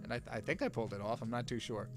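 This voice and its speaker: A man talks casually to his live-stream audience as he draws, rambling in an easygoing way and filling pauses with ums and small laughs. His voice sits at an ordinary middle pitch. Soft background music plays faintly under his talk. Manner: easygoing and rambling, with frequent fillers and chuckles. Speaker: artist and voice narrator hosting a live drawing stream. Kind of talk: casual live-stream chat while drawing.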